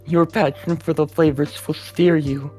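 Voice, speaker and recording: A man voicing a wise old ghostly master in a read-aloud story, speaking in slow, solemn proclamations. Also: fairly high pitch, little pitch movement, a little mellow, faint music behind, natural voice.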